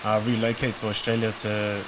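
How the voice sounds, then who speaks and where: A man discussing sport casually as a show panelist, phrasing his points in a halting way. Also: on the low side, completely flat delivery. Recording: clearly hissy, noisy stream audio.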